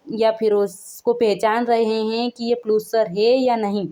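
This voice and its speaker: A woman's voice: fairly high pitch, mellow. A woman teaching a Hindi grammar lesson in a casual classroom way. She keeps checking that the viewer follows and stretches out sounds to show them. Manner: repeats "theek hai na" after each point, asks the viewer questions; stretches out sounds to show how long they are.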